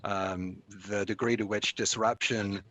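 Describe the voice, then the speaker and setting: A man hosting and presenting informally to a small group, often halting as he searches for his words. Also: fairly low pitch, steady tone, fairly bright tone. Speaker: session host and presenter.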